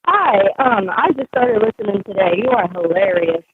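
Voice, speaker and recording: A woman's voice: mid-range voice, lively intonation, normal speed, slight background noise. A woman calling in to a live stream, talking casually and hesitantly with many ums and restarts, heard over muffled call-in phone audio that breaks up. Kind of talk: casual chat. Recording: tinny, muffled phone line.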